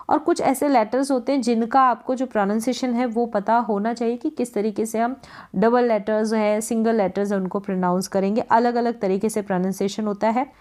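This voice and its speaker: A woman teaching English pronunciation, explaining spelling rules step by step and repeating example words slowly and patiently. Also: fairly high pitch, a little mellow. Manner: patient and repetitive, restating each rule. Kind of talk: explaining phonics rules, reading letter pairs and example words aloud.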